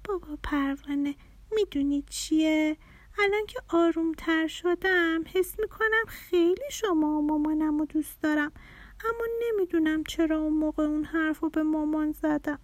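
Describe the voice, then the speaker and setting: A woman voicing a cheerful, eager little girl in a children's story, with a high, excited childlike voice. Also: no room sound, natural voice. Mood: thoughtful.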